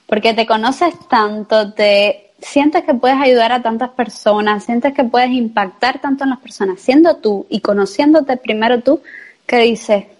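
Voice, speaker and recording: Fairly high-voiced woman in her forties. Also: measured pace, a little mellow. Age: 40s. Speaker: podcast host. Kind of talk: casual interview conversation.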